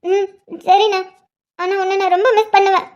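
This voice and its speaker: A woman with a very high, level voice speaks at normal speed, her tone darkish with the highs cut off. In Tamil cartoon voice acting, she plays a tearful young bride pleading with her brother and bidding him a tender, affectionate goodbye.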